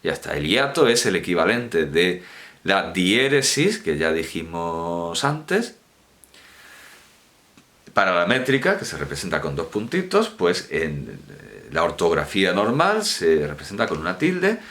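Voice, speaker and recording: A fairly low-voiced man lectures on grammar in a loose, chatty way. His pitch swings widely as he stresses words, doubles back to correct himself and repeats key terms. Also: huge pitch swings, unhurried, a bit bright. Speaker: university lecturer. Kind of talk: informal university lecture.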